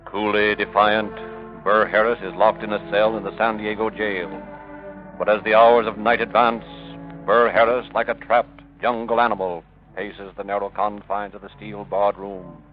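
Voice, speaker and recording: Low-voiced vintage radio crime narrator male. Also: little pitch movement, normal speed, lightly acted. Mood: grave. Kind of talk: dramatic scripted radio narration, 1930s-1940s. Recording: muffled vintage radio recording with music.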